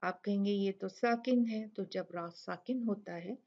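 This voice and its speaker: Woman teaching recitation, slow patient delivery, drawn-out demo syllables, slightly dull lo-fi audio. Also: mid-range voice. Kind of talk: tajweed lesson, explaining and demonstrating recitation.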